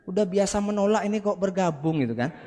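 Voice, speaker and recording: High-voiced man telling a motivational story. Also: quick pace, big-room sound. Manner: animated, acts out quoted dialogue, addresses the audience directly. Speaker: business seminar speaker.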